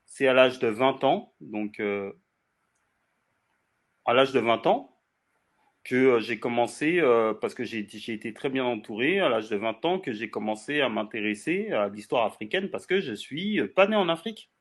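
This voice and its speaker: A man's voice: mid-range voice, expressive, normal speed. A man of forty from France in a heated debate, insistent, repeating phrases and talking over the other speaker. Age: 40s. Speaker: debate guest.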